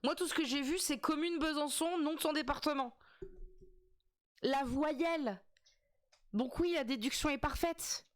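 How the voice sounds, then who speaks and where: A woman's voice: sits high, measured pace, pauses often, dry recording. A woman streaming live, reacting to a game show in casual chat, joking with her viewers and swearing often. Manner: chatty, swears, laughs often, jokes with chat.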